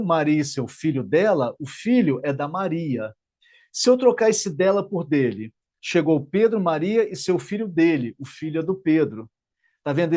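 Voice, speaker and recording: A man's voice: a little high, darkish tone. A man teaching an online exam-prep grammar class in Brazilian Portuguese, chatty and answering live student questions.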